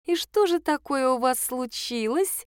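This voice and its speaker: A high, shrill female accountant who is nosy and easily flustered, as a woman reader puts her on. Her voice jumps about in pitch, and it is smooth and clear. The figure comes from an audiobook detective story. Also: animated, unhurried, dry recording, studio quality. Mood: curious. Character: plump nosy female office accountant, excitable.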